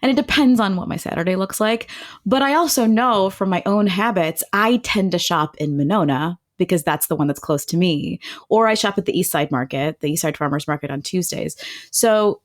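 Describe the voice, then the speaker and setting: A woman, co-hosting a podcast in relaxed, chatty conversation, talking with enthusiasm and plenty of "like"s. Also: on the low side, normal speed. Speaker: podcast co-host. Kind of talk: casual chat.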